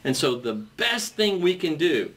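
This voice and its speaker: A man's voice: on the high side, big pitch swings, unhurried, a bit bright, far from the mic. A man hosting a panel debate, talking at length and often repeating and restarting his words. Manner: long-winded, stumbles and repeats words. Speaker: host.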